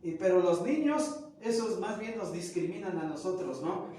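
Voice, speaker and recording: A man's voice: sits high, expressive, normal speed, dark tone. A man teaching classical languages in a classroom lecture, methodically explaining grammar term by term. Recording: echoey room, mic far off.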